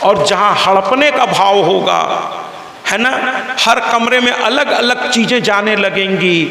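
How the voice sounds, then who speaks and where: High, gravelly-voiced man preaching in an echoing hall. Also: measured pace, background noise. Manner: animated, acts out the voices of people in his stories. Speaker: religious storyteller. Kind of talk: devotional scripture discourse. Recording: echoey hall with long reverb.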